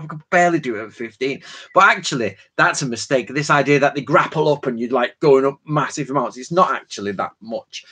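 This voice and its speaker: A man's voice: mid-range voice, fairly bright tone, slightly rough. Chatty man in his forties. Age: 40s. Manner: rambling, chatty, jumps between tangents; informal slang and frequent fillers. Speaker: host of a live Q&A stream. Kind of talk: casual live-stream Q&A lecture.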